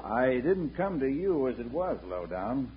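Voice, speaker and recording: An American actor playing a businesslike, slow-to-catch-on army fort captain in an old radio western. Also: male voice, mid-range voice, big pitch swings. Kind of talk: 1950s radio western acting. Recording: noisy, dull vintage radio recording.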